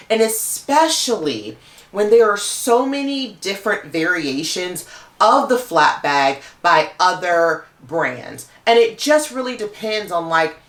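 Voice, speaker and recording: A woman's voice: lowish voice, a bit bright, echoey room. A woman talking casually to camera as a luxury handbag YouTuber, chatty and full of "like" fillers.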